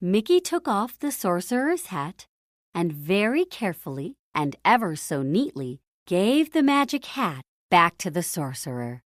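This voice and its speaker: Key phrases get dramatic emphasis as a woman with a lowish voice narrates a children's story aloud. Her delivery is lively and melodic at a measured, slightly slow pace, and the recording is dry with no room echo.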